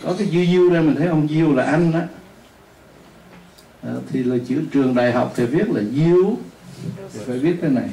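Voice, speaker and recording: Thầy giáo nói giọng Bắc, phòng vang vọng. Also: male voice, on the high side, warm tone, a little hiss or hum. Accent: Northern Vietnamese. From northern Vietnam. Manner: drills students, repeats words slowly for them to echo. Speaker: English teacher. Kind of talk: classroom pronunciation lesson. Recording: echoey room, voice from a distance.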